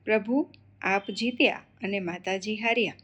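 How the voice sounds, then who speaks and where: A woman's voice: mid-range voice, normal speed, a bit bright, slightly rough. A woman voicing a humble male temple priest in a devotional story. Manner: humble, deferential. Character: meek temple priest, a Brahmin man.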